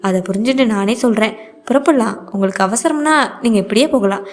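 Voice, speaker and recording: Woman reading a story, slightly high voice. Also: fast talker. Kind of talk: first-person story reading.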